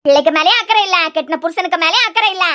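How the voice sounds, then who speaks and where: Cartoon grandma voiced by a woman, very high and bright, fast nagging Kanyakumari accent. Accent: Kanyakumari Tamil. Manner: scolding, nagging. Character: bossy old grandmother, sharp-tongued mother-in-law. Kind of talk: cartoon serial voice acting.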